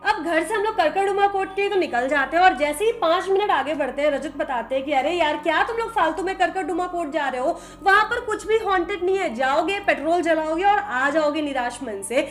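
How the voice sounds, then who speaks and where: A young woman tells a trip story to her viewers with a very high voice. She is animated and chatty and talks straight to the audience. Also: brisk, few pauses, faint music behind. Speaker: vlogger narrating a trip. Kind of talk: casual storytelling vlog.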